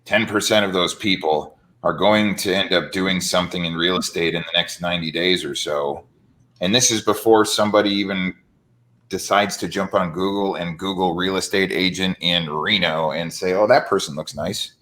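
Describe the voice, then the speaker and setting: Deep-voiced man hosting, salesy. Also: normal speed, poor audio. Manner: energetic salesy talk with many "right?" tags. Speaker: host. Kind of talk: casual business interview.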